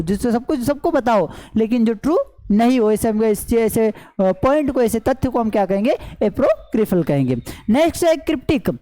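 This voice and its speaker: A woman's voice: on the high side, dark tone, poor audio. A woman teaching English root words as an online class teacher, explaining each word and then asking and answering her own questions. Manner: repetitive question-and-answer teaching, many fillers. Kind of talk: explaining lesson in Hindi with English terms.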